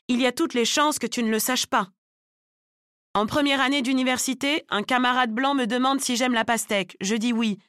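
Woman, audiobook narration, steady, lightly ironic, higher voice, dry sound. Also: dry recording. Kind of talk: scripted narration of a novel.

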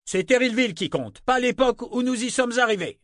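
A man voicing a flustered middle-aged male merchant who shouts urgent orders to a panicking crowd, in an audiobook. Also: fairly high pitch, moderate pace, dry recording, clean studio sound, pitched above the performer's own voice, close to an everyday voice. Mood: commanding. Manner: loud, urgent, commanding. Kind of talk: audiobook character voice.

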